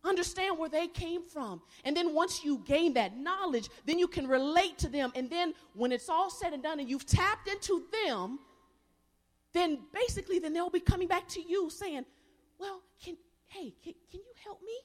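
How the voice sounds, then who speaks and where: A woman's voice: very high voice, normal speed. A woman preaching a sermon, leading the congregation in call-and-response and acting out the people in her stories. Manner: animated storytelling, acts out quoted voices. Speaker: guest preacher. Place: large worship hall. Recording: echoey hall.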